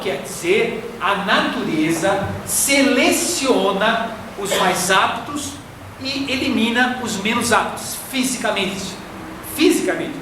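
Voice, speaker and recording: A man from Florianópolis with a Brazilian Portuguese accent, giving a slow, didactic spiritist lecture. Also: very high-pitched. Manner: didactic, slow and deliberate, fond of diminutives. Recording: echoey hall from far off, faint noise.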